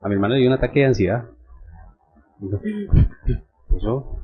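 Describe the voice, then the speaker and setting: Husky young Costa Rican pastor. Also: male voice, medium pitch, racing, phone-quality sound. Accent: Costa Rican Spanish. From Costa Rica. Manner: conversational, checks in with frequent tag questions. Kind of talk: sermon with personal storytelling.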